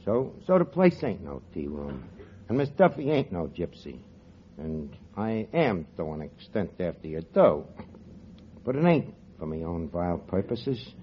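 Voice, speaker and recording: In a 1940s radio comedy, a male actor voices a fast-talking, scheming middle-aged tavern manager who wisecracks with fake sincerity and mangled grammar. His low voice is very animated yet unhurried, striking a mock-sad mood. The dull old broadcast carries a slight hiss or hum and faint audience laughter.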